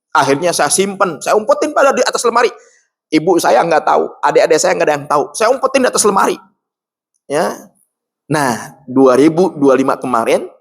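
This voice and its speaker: A man preaching in a mosque, swinging from low storytelling to loud exhortation and quizzing the congregation. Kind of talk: sermon.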